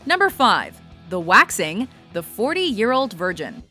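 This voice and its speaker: A woman's voice: medium pitch, sing-song, unhurried, pushed and bright. A woman reading scripted countdown narration about films in a playful, punchy way. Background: music bed.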